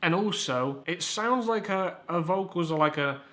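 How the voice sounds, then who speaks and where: A man's voice: high-pitched, lively intonation, moderate pace, a bit bright. A young man hosting a comedic review, rambling and sarcastic, with stammered restarts and casual swearing. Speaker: YouTube reviewer, host. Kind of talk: casual comedic video commentary.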